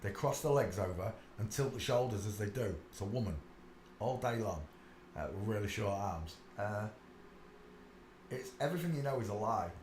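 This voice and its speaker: Flipping through pictures, this channel host talks insistently in a rambling, casual monologue full of asides and "uh"s. He has a lowish, darkish voice with lively intonation and normal speed, and the echoey room adds faint ambience along with a little hiss or hum.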